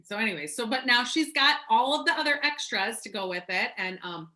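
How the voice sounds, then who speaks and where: A woman leading a casual team call, chatty and excitable, rambling from one story to the next. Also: on the high side, fairly quick, rough recording. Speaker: team leader.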